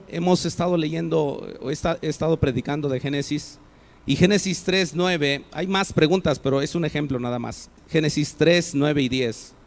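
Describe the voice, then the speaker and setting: Mexican pastor preaching in a hall. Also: male voice, a little high. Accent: Mexican Spanish. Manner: acts out example phrases with shifting tone. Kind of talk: sermon. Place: church hall.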